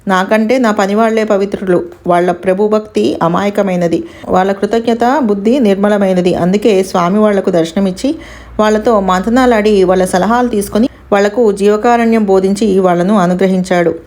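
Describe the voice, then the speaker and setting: Woman doing a devout scholar beating himself up, anguished, mid pitch. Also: steady tone, a little fast, darkish tone, close to an everyday voice. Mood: lamenting. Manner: anguished, self-reproaching. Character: remorseful devout male scholar.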